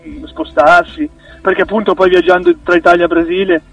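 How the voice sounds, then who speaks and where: A man's voice: high voice, very animated, brisk, creaky, distant mic, muffled recording, soft background music. A man, a musician guest in a casual radio interview, who talks hesitantly with many restarts and easy laughs.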